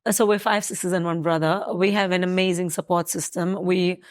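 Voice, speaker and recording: A woman's voice: lowish voice, level tone, fairly quick. A woman in her thirties from South Africa, talking casually as an interview guest, hesitant with many fillers and restarts.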